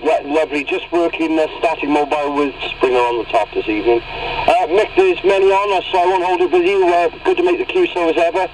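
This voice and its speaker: Over a CB radio link, a man with a fairly high, fast voice swaps signal reports in loose radio jargon, one of several operators calling in for an informal chat full of procedural lingo. The reception is very noisy and distant, with loud radio static throughout.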